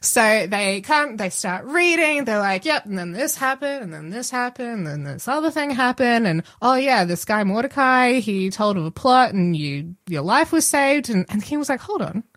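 Australian woman, Bible study host, animated storyteller, slightly high voice, dry close mic. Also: no room sound. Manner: animated, acts out characters in quick asides. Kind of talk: casual Bible discussion.

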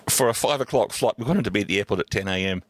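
A man's voice: fairly low pitch, rapid-fire, no room sound. A mature Australian man co-hosting live radio, bantering casually with colloquial, self-mocking humour. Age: middle-aged or older. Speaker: radio co-host.

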